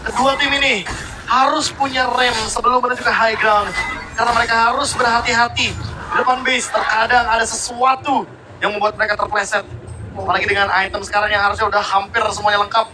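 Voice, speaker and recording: A man's voice: very high voice, level tone, fast talker, background noise. A man analysing a live game tournament as commentator, dramatically posing rhetorical questions.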